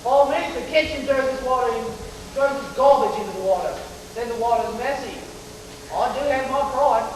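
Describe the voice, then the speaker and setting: A teenage boy acting in a school stage play as a scheming male tramp who sells shows of himself, with slow theatrical salesman's patter. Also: extremely high pitch. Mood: pushy. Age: teens. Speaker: student actor. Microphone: distant camcorder mic. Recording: echoey auditorium, far from camera, hiss.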